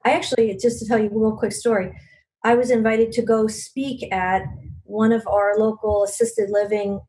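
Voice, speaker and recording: A woman from Long Island, New York, appears as a guest on a podcast interview, where she leads a regional business network. She tells stories earnestly, with many fillers and restarts, in a medium-pitched, dark-toned voice that stays fairly flat at a moderate pace. The recording is low quality.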